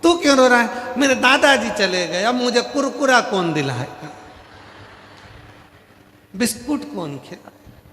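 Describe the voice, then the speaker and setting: A man's voice: very high voice, lively intonation, measured pace, pauses often, sharp tone, pitched above the performer's own voice, heavily acted. A man doing a whiny little grandson. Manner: childish, whiny. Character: little grandson whining for snacks. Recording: echoey hall, faint music.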